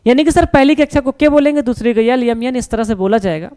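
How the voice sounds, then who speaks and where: Speaking fast in an extremely high, warm voice that's smooth and clear, a man gives a science lesson at the board. Posing questions and answering them himself, he addresses students as "beta" and "sir" and keeps saying "no problem" to assure them nothing is difficult.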